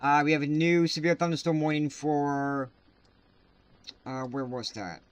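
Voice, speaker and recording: A man hosting live severe weather coverage, talking casually and haltingly with many filler sounds at a desk mic. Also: a little high, fairly even intonation. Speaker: livestream weather host.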